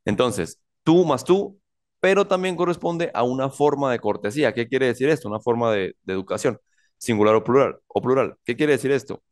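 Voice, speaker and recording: A man teaching a French grammar class in a slow, deliberate lecture, often repeating himself and checking in with his students. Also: medium pitch, expressive.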